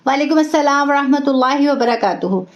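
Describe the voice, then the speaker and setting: A woman teaching Quran recitation in an online class, explaining patiently step by step and slowing down to model the sounds. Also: sits high, expressive. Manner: greets and praises students by name. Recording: echoey, dull lo-fi room sound.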